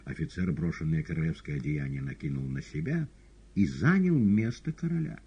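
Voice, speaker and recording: A man reading an audiobook novel in a calm, steady narration. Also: rumbling low, normal speed, husky. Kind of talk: scripted narration. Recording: dull lo-fi audiobook recording.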